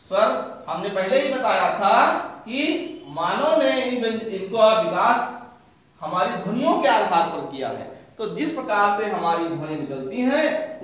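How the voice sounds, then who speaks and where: High-voiced male teacher in an echoey room. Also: fairly bright tone. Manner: asks questions and answers them himself. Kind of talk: grammar lesson.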